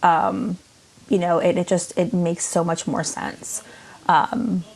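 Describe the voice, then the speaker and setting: A woman's voice: fairly low pitch, little pitch movement, takes it slowly, gravelly, darkish tone. A woman artist chatting casually as an interview guest, rambling with many fillers.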